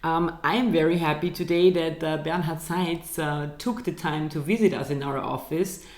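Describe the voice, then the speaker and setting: A woman's voice: low voice, normal speed, a little mellow. Woman interviewer, friendly and careful, roomy echoey office sound. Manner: friendly, careful, with fillers and restarts. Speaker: program director, interviewer. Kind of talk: interview hosting. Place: university office.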